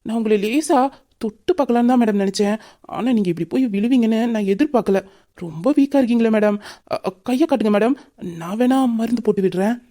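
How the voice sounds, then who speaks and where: A woman voicing a leering young man who harasses a woman, with sly muttered asides and fawning flattery, in an amateur audio drama. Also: medium pitch, natural voice.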